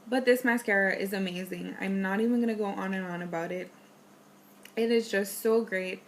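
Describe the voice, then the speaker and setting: A young woman talks through her monthly beauty favorites in a loose, gushing chat full of ums and likes. Her voice is a bit hoarse, with a gravelly vocal fry running through her everyday pitch. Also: a little hiss or hum. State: losing her voice. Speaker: beauty vlogger. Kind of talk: casual product favorites chat.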